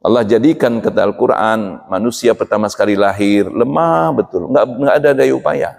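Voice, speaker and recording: A man's voice: on the low side, fairly quick, gravelly. A middle-aged man preaching a sermon to a congregation, often asking them questions. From Indonesia. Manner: lively, asks the congregation questions. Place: mosque hall. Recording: long hall reverb.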